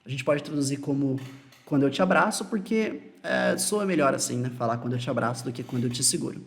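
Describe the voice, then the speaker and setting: A man's voice: mid-range voice, lively intonation, quick pace, creaky. A Brazilian man giving a casual English lesson, explaining phrases patiently and repeating them. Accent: Brazilian Portuguese. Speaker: English teacher.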